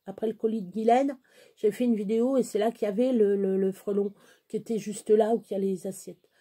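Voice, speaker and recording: Woman, middle-aged, mellow warm voice, casual rambling vlog chat, hesitant, many fillers. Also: medium pitch, steady tone, fairly quick, husky. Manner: chatty, hesitant, many restarts and fillers, baby talk to her dog. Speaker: vlogger.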